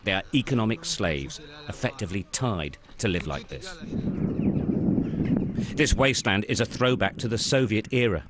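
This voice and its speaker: An older man reporting and narrating a news report in a measured, grave way. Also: fairly low pitch, lively intonation, very noisy.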